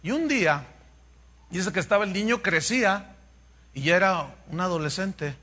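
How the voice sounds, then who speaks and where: A man's voice: high-pitched, moderate pace. A man preaching a sermon, telling a Bible story with humor and acting out the dialogue. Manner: animated, humorous, acts out dialogue. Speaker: pastor.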